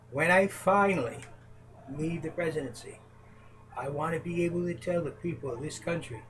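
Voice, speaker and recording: A man's voice: on the high side, a bit bright, a little hiss or hum, poor audio. Earnest man answering in speechmaking tones. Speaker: interviewee, presidential hopeful. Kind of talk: casual home interview.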